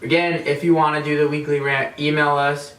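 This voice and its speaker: A woman's voice: low-pitched, little pitch movement, brisk. A young woman co-hosting a podcast, mostly giving short replies and teasing asides. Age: young adult. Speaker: podcast co-host. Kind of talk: casual podcast chat. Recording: roomy, distant mic, faint noise.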